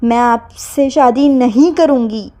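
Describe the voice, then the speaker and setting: A young heroine in an audio novel, tearful and protesting, her voice lifting higher than the narration and wobbling as she pushes back, as a woman reader puts her on. The tone stays mellow and soft-edged. The reading is unhurried. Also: lightly acted. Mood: defiant. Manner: shaky, protesting, on the verge of tears.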